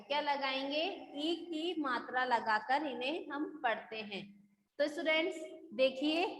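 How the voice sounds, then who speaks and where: A woman's voice: sits high, slight background noise. A woman Hindi teacher giving a classroom lesson, asking each question and answering it herself, calling her students beta. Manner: addresses students fondly as beta. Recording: echoey room with long reverb.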